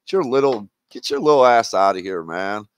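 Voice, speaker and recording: A man's voice: lowish voice, lively intonation, brisk, clean tone, dry recording. Blunt, profane man host, dry close sound. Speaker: livestream host. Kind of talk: casual livestream chat.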